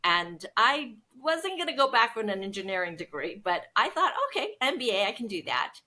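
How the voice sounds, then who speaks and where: Speaking at a moderate pace with a sing-song lilt, this Seattle woman has a mid-range voice that comes across bright and forceful. She's a business founder being interviewed casually, telling her story in a chatty way with frequent ums.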